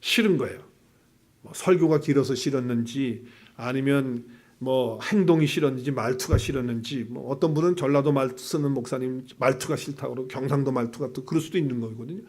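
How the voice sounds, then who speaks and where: A man's voice: mid-range voice, fairly quick. Emphatic male pastor preaching. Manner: emphatic, swells from hushed to loud, rhetorical questions. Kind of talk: sermon.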